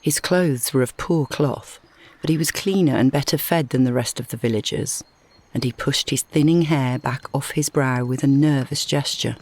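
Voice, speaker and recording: Narrating a scripted short story, a woman uses a measured, dramatic storytelling style. Her voice is a deep rumble with a slightly mellow quality.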